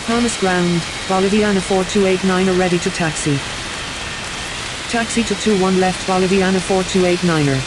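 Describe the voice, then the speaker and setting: A woman's voice: lowish voice, moderate pace, long pauses. A woman voicing a businesslike airline pilot over the radio, giving clipped, procedural calls in a flight simulator game. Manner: clipped, procedural read-backs. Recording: loud hissing radio static.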